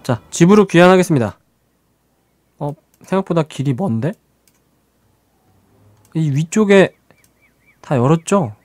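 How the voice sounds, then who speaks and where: A man's voice: a little high, animated, measured pace, long pauses, darkish tone, dry recording. A man streaming a survival game with live let's-play commentary, chatting with viewers and talking to the creatures on screen.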